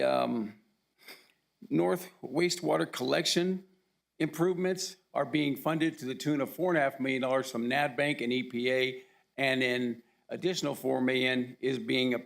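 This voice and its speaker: A man with a hoarse, gravelly voice gives a formal report at a county commission meeting. He pauses often and fills the gaps with uh and um, and his voice catches in a rough fry. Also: medium pitch. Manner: halting, with frequent uh and um.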